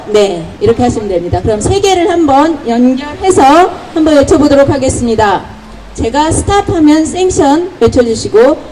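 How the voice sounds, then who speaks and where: A woman emceeing a street protest outdoors, leading chants and explaining each slogan between the shouts. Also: high-pitched, a little hiss or hum, poor audio. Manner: shouts slogans, then gives brisk instructions. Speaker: rally emcee.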